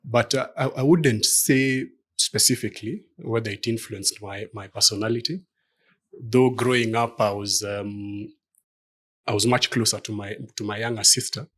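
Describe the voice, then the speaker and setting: This is a conversational interview with a middle-aged Kenyan law firm partner, whose fairly low voice moves at a moderate pace. He weighs his answers carefully and hesitantly, with many fillers.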